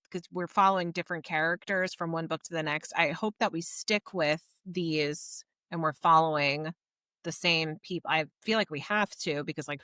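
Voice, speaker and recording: A woman hosts a podcast in a casual, informal book discussion, speaking with gushing emphasis. Her voice is on the low side yet bright, forceful, clear, and resonant, with no room sound.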